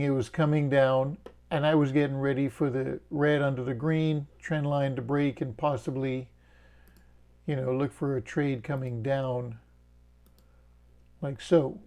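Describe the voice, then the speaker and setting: This middle-aged Bahamian man runs an options trading channel and casually walks viewers through his trades in a screen-share, laying out his rules plainly and steadily. His voice is mid-range, and he sprinkles in fillers and folksy jokes.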